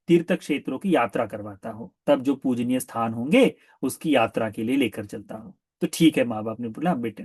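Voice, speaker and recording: A man's voice: medium pitch, no room sound, studio quality. A male Buddhist monk telling a story in a sermon, asking his listeners questions and repeating words for emphasis. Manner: animated, asks listeners rhetorical questions; repetitive for emphasis.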